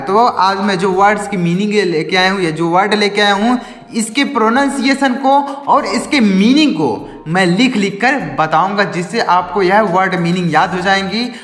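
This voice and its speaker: A man's voice: sits high, fairly bright tone. A man teaching English vocabulary who spells each word letter by letter, then asks and answers his own questions. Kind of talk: spoken English vocabulary lesson. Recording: echoey room with long reverb.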